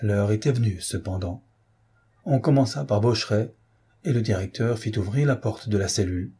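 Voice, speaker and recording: A man reading a novel aloud as an audiobook, in measured, grave narration. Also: fairly low pitch, dark tone, slightly rough. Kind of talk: scripted literary narration.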